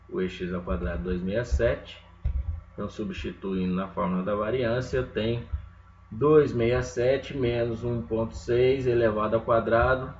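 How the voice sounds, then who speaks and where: A man teaching a recorded video lecture, explaining step by step and often checking in with his students. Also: lowish voice. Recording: echoey, dull, slightly noisy room.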